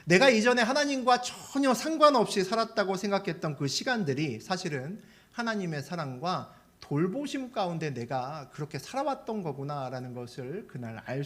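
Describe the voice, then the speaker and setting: Male pastor, sermon; pitched a bit high, swings up and down a lot, storytelling delivery. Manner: animated storytelling, asks the congregation questions.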